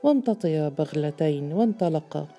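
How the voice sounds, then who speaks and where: A woman narrating a literary story in a measured, deliberate reading. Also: deep voice, lively intonation, dark tone, soft background music.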